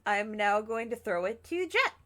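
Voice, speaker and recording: A woman's voice: medium pitch, very animated, moderate pace, a bit bright, slight background noise. Casual woman running a tabletop game. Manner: loose, hesitant, many fillers. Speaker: game master.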